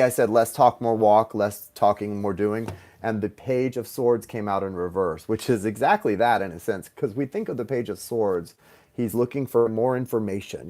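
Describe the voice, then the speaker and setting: A man's voice: mid-range voice, darkish tone. A man hosting a live tarot stream, chatting casually, reading viewer comments aloud and laughing easily.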